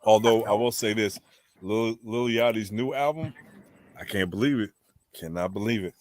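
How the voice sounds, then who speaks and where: A man co-hosting a casual podcast chat, rambling loosely and quick to laugh. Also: on the low side, a little mellow, dry recording. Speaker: podcast co-host.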